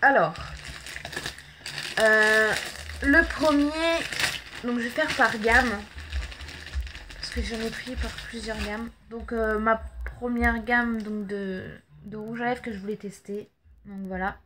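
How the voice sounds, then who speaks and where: Slow, hesitant French woman vlogger. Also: a little high, steady tone, background noise. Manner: hesitant, many fillers and restarts, apologetic. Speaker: beauty vlogger. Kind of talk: casual makeup haul chat.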